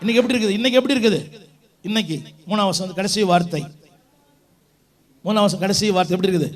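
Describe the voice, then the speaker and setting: A man's voice: high voice, fast talker. A man with a Tamil accent preaching as a pastor, urging the congregation to repeat words after him and mixing English phrases into his preaching. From South India. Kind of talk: call-and-response sermon. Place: church hall with a congregation.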